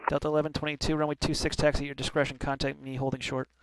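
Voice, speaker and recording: A man's voice: a little high, flat delivery, very fast, poor audio. A man working as an air traffic controller, giving clipped formal instructions with occasional informal asides. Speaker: air traffic controller in online flight simulation.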